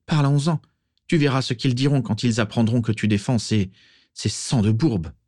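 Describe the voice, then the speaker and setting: A man's voice: medium pitch, moderate pace, a little mellow, dry recording, clean studio sound, voice pushed up, close to an everyday voice. A man reading an audiobook, voicing a spiteful young man in a raised voice above his own. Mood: sneering. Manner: sneering, pleading. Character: spiteful young man, sneering then frightened.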